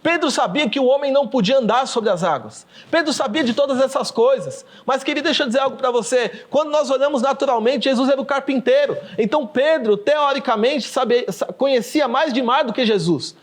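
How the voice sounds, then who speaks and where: Man, Brazilian accent, pastor, livestreamed sermon, fervent, very high voice. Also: fairly quick, hardly any pauses. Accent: Brazilian Portuguese. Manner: fervent, addresses listeners as "queridos", acts out scripture. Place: in front of a camera, livestream.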